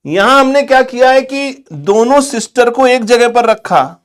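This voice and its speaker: A man teaching English grammar in a chatty, scolding classroom lecture. He drags out example words slowly. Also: extremely high pitch, animated. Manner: chatty and scolding, calls students "bhai" and "pagle".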